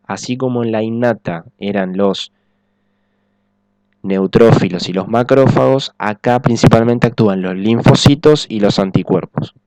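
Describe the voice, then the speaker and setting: A man's voice: fairly low pitch, unhurried, darkish tone, no room sound. Man teaching biology, dry sound. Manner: explanatory, checks in with frequent "¿sí?". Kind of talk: recorded biology lecture.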